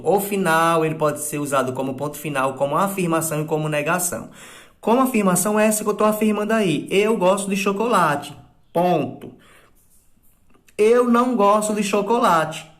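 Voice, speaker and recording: A man with a fairly high voice gives a recorded lesson to children. He explains patiently and step by step, pausing often to check that the class is following. Now and then he acts out sample exclamations, stretching them out in a raised voice. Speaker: teacher.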